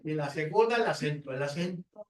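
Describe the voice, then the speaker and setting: A man's voice: fairly high pitch, a little fast, a little hiss or hum. Wry Mexican man lecturing, roomy far mic. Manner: lively, wry, rhetorical questions. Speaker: guest lecturer. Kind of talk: academic conference talk. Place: lecture room. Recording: roomy, distant mic in a hall.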